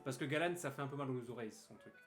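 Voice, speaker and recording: A man co-hosting a live stream, chatting and explaining in a relaxed way, often laughing as he talks. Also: mid-range voice, very fast, soft background music. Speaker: streamer co-host. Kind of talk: casual live stream chat. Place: bedroom studio. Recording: roomy bedroom echo.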